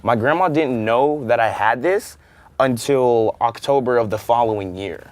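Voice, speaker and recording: A man's voice: medium pitch, moderate pace. A young man, chatting casually as a panel guest in a college TV studio, slangy and full of fillers. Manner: slangy, filler-heavy, animated storytelling. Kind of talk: casual chat.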